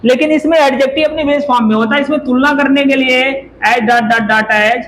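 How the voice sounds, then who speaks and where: Male classroom teacher, very high pitch, quizzes students constantly, repeats words to drill them, faint background noise. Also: fairly even intonation, a little fast, a bit bright, rough recording. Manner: keeps firing questions at the class. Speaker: English grammar teacher. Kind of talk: classroom lecture.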